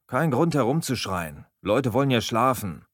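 A man voicing a calm, detached man gone mad in a horror story, speaking flat and matter-of-fact. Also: medium pitch, moderate pace, dry recording, clean studio sound.

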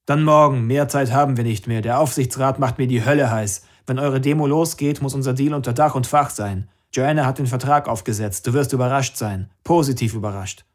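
A man's voice: medium pitch, a little fast, hardly any pauses, lightly acted. A man doing a pushy, urgent businessman. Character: pushy young male businessman, urgent and demanding. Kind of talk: audiobook character reading.

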